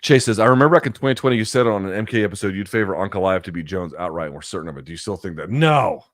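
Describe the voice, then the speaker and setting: A middle-aged man hosts a live chat, reading out viewer questions and answering them bluntly and casually, with profanity and animated asides. His voice is low-pitched and racing, recorded cleanly in a studio with no echo.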